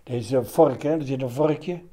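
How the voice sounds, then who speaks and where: An elderly man reminisces in a relaxed interview setting. He tells his anecdotes haltingly, in short fragments. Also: medium pitch. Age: 70s. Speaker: interviewee, retired commando veteran.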